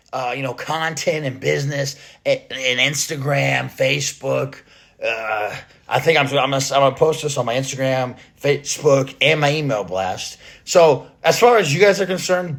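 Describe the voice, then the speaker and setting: A man recovering from illness and short of breath, talking to his followers in a rambling, halting casual vlog update full of fillers and restarts. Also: mid-range voice, lively intonation, gravelly, fairly bright tone. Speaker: fitness content creator.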